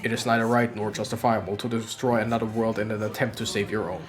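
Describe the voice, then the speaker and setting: A streamer voicing Omnimon, a grave armored knight guardian, in a forced, strained deep voice with a formal, measured way of explaining. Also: level tone, over music, natural voice. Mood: solemn. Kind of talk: game dialogue read aloud.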